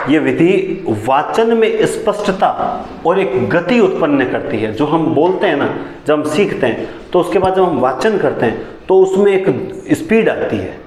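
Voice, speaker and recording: A man teaching a lesson, who repeats key phrases back as questions and sometimes talks fast enough that his words tangle. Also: fairly high pitch, a little mellow, reverberant. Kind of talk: classroom lecture on teaching methods.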